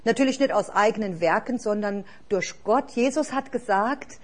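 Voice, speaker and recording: Earnest breathy woman preaching. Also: on the high side, normal speed. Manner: earnest, exhorting, with rhetorical questions. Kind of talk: sermon.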